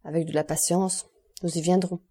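An unflappable male bandit jailer, as a woman narrator puts him on, mocking his prisoner with deadpan courtesy. The voice is dark and mellow and sits slightly low. An audiobook reading. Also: normal speed, slightly rough. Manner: cool, deadpan mockery.

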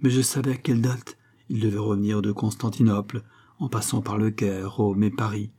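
A man reading a frightened young mother's hushed confession in an audiobook, with a dark, husky voice. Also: fairly low pitch, steady tone, brisk. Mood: pleading.

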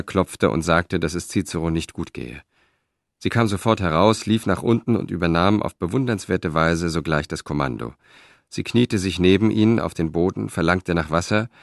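A man narrating an audiobook in a measured, even reading style. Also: sits low, vocal fry, no echo, studio quality. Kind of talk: scripted narration.

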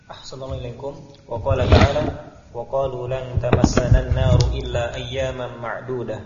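A man, a student, reading Arabic text aloud slowly and carefully in a halting way with restarts. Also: medium pitch. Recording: distant voice in an echoey hall, lo-fi.

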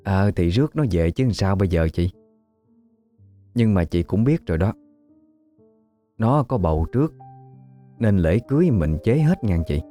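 A man's voice: deep voice, sing-song, moderate pace, pauses often, warm tone, faint music behind. A man voicing a scheming, domineering older village woman in a spoken ghost story. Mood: falsely polite.

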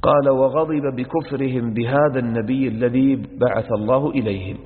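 A man's voice: mid-range voice, steady tone, normal speed. A male sheikh gives a religious lesson on Quran verses. He repeats each verse phrase and explains it word by word, and he speaks to his listeners as brothers. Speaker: sheikh teaching Quran exegesis. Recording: echoey hall over a narrow phone-like line.

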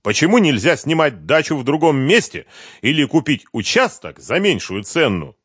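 A man's voice: on the high side, big pitch swings, normal speed, a bit bright, slightly rough, dry recording, clean studio sound, pitched above the performer's own voice, heavily acted. A man voicing a weary divorced father who answers in a firm, exasperated voice.

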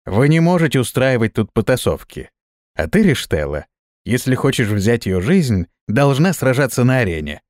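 A man's voice: mid-range voice, sing-song, moderate pace, darkish tone, no room sound, studio quality, lightly acted. A man voicing a mocking male vampire nobleman, in a storybook reading. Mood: stern.

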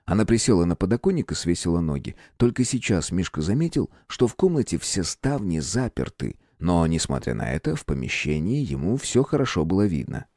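A man narrating an audiobook story in a measured storytelling manner. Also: deep voice, sing-song, darkish tone, no echo, studio quality. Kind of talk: scripted narration.

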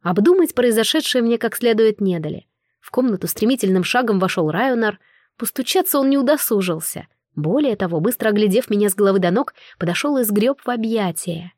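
A woman narrating a first-person fantasy novel in an expressive, storytelling manner. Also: mid-range voice, brisk, no echo, studio quality. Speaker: audiobook narrator.

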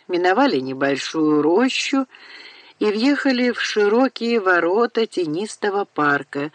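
Slow, measured female audiobook narrator. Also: medium pitch, no echo.

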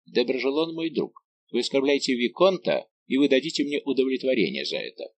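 A man's voice: mid-range voice, lively intonation, a little fast, slight background noise, voice pushed up, close to an everyday voice. A man voicing a proud English duke who speaks in a haughty, challenging tone.

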